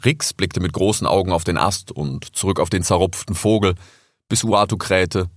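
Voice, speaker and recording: A man narrating an animal story audiobook with expressive, lively storytelling. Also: deep voice, moderate pace, no room sound, clean studio sound.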